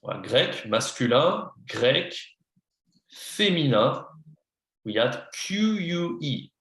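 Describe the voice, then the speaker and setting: Extremely slowly and in a sing-song, slightly bright mid-range voice, a man patiently leads a beginner French lesson one-on-one. He repeats things, spells words letter by letter, and switches to English for explanations, with a roomy sound.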